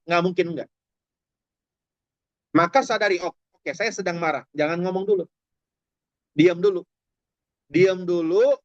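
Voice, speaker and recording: An Islamic preacher delivers a humorous, chatty sermon straight to his audience in a high-pitched, slightly bright voice. The recording is dull, dry and lo-fi, with no echo.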